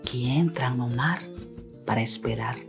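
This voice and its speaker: A middle-aged woman from Peru, telling a tale with deliberate, rhythmic, theatrical phrasing. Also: a bass voice, vocal fry, music in the background. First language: Spanish. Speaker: storyteller. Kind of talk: dramatic oral storytelling.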